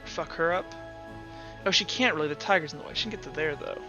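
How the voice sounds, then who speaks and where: On the high side and fast-talking, a man serves as game master, casually narrating a tabletop roleplaying game while thinking aloud and swearing a lot. The audio is dull and lo-fi, with music in the background.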